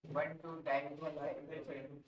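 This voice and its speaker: A man's voice: a little high, level tone, normal speed, reverberant, recorded from a distance, a little hiss or hum, rough recording. A male student answering a teacher in a classroom with short, hesitant replies.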